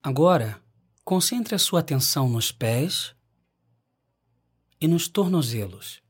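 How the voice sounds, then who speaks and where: A man narrating a scripted guided meditation in a calm, unhurried way with long pauses. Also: a little high, slightly rough.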